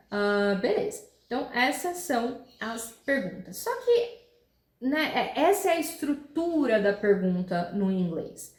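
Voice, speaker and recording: A woman teaching an English grammar lesson in Portuguese. She explains patiently, often checks in with "tá?" and "né?", and reads her English examples slowly and clearly. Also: medium pitch, darkish tone. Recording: roomy echo.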